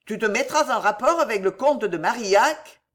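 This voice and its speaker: A woman's voice: on the high side, animated, normal speed, pitched above the performer's own voice. A woman voicing a cold, cruel queen who taunts and threatens in an icy, mocking tone.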